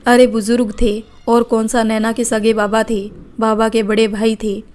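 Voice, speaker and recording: A woman's voice: on the high side, little pitch movement, normal speed, darkish tone, lightly acted. A woman voicing a harsh, domineering older mother-in-law in a read-aloud family story. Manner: scolding, commanding.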